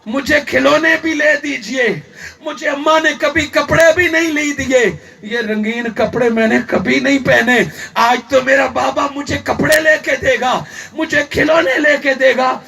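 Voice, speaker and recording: A man doing a little girl pleading and crying out to her father, in a very high, bright, edgy voice. There is a gravelly rasp underneath that stays from the man telling the sermon story. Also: steady tone, far from the mic, full character voice. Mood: tender. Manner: tender, then crying out and begging.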